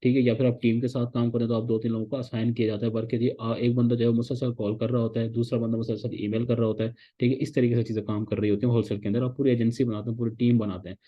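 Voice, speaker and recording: A man from Pakistan leads an online class for interns in a plain mid-pitched voice. He explains patiently and keeps checking in with his listeners. The recording is dull and lo-fi. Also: little pitch movement, rapid-fire, hardly any pauses. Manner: explains patiently, repeats "ठीक है" often, mixes English phrases. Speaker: instructor teaching interns. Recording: dull lo-fi sound.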